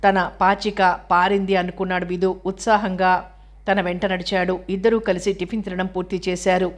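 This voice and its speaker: A woman narrating a novel aloud in a steady, even storytelling manner. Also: lowish voice, moderate pace. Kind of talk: audiobook novel reading.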